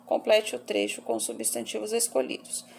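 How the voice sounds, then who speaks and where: A woman's voice: medium pitch, big pitch swings, moderate pace, gravelly, slight background noise. A woman teacher, reading out and correcting workbook answers for young pupils and listing the words one by one.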